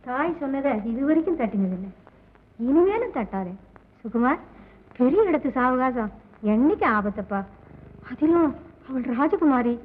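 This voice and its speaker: A woman's voice: high voice, very animated, unhurried, long pauses, full character voice. An actress playing a stern, wary mother who warns her son in proverbs, in 1940s film acting. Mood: warning. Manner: admonishing, proverb-laden. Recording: dull old film soundtrack.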